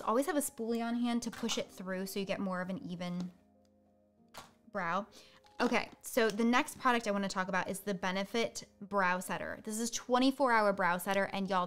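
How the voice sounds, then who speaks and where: A woman hosting a live makeup tutorial, chatting quickly through each product. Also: medium pitch, a bit bright, soft background music. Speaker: beauty host.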